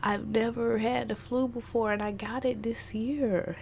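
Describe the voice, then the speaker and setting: Stuffed up with flu, this young artist vlogger talks about her goals in a meandering way, often saying um and starting over. Her fairly high voice is steady and a little slow, with vocal fry, and the recording is very noisy.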